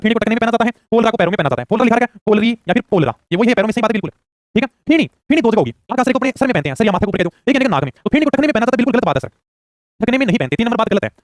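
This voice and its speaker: A man runs through exam questions at breakneck speed. His voice sits high and he keeps pushing students to answer quickly. The recording is dry and close. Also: no echo. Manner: rapid-fire, urging answers fast. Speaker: exam coaching teacher. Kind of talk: rapid quiz-style lesson.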